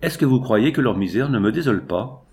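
A man's voice: medium pitch, expressive, darkish tone, lightly acted. Man reading as a cold, calculating strike leader. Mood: persuasive. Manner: measured, cool and persuasive. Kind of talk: audiobook reading.

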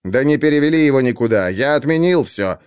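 A man's voice: mid-range voice, animated, fairly quick, clean tone, no echo, studio quality, close to an everyday voice. A man voicing an angry, profane middle-aged police chief who hisses and swears at a subordinate in an audiobook. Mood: angry hissing. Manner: hissing, swearing.

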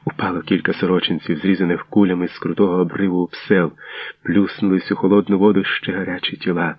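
A man narrating a literary story in an expressive, dramatic way, in a dull, dry recording. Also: low voice, no echo. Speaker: audiobook reader.

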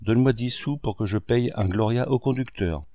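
A man's voice: mid-range voice, normal speed, warm tone, no echo, lo-fi sound, lightly acted. A man voicing a brusque, cocky young working man who answers curtly in an audiobook reading. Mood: dismissive. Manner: curt, dismissive.

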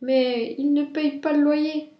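A woman doing a timid little rabbit with a small high voice. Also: level tone, slow, dull audio. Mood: worried. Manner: small quavering high voice, stammering. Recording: roomy echo.

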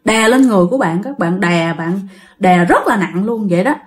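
A woman with a medium-pitched voice and lively intonation tells a ghost story casually and fairly quickly. She's chatty and speaks directly to her listeners.

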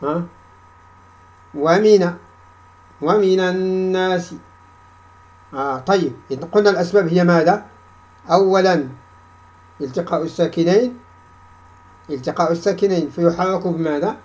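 A man teaching a grammar class, reciting examples slowly and prompting students with repeated questions for them to answer back. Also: on the high side, darkish tone, poor audio. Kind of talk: classroom lesson with call-and-response.

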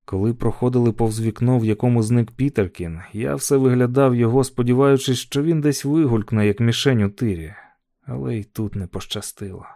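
Man narrating a story in a dark voice. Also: mid-range voice, fairly even intonation, a little fast, no room sound, studio quality. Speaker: audiobook narrator. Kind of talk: scripted audiobook narration.

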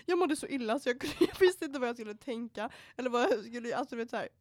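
Young female podcast co-host, fairly high voice, lively storyteller who swears and mixes in English, dry close recording. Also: dry recording. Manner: animated storytelling, quoting herself. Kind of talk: casual chat.

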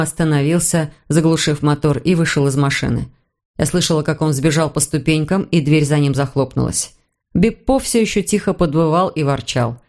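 Woman narrating in a low, measured voice. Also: darkish tone. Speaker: audiobook reader. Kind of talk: scripted narration.

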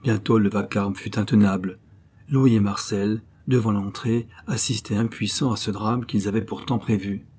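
A male audiobook narrator reads in a measured, grave storytelling manner. His voice is low, dark and mellow with a husky edge. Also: steady tone. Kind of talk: scripted narration.

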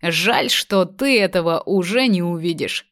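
A man's voice: high voice, expressive, measured pace, a bit bright, heavily acted. A woman reading the part of a cruel, vengeful male kidnapper who taunts and gloats. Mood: gloating. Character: vengeful cruel young man kidnapper, mocking.

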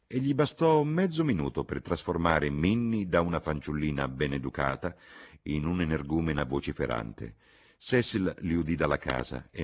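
A man reading a classic novel aloud in a measured, expressive narration. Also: rumbling low. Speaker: audiobook reader.

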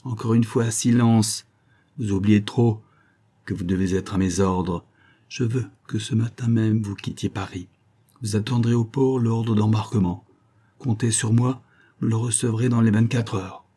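A man reading a classic story aloud as an audiobook, in a measured, cold and commanding manner. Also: on the low side, steady tone, warm tone. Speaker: audiobook narrator.

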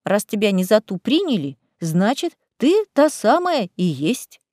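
A woman's voice: mid-range voice, sing-song, a little slow, a little mellow, no room sound, studio quality. A woman reading the part of a sly, greedy young female cat familiar who talks in a lazy, teasing, mocking way. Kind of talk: audiobook character voice.

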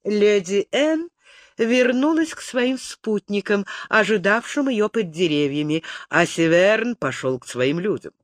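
Expressive audiobook narrator, animated delivery, dry close mic. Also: mid-range voice, a little slow, no echo. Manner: expressive storytelling. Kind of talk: scripted narration.

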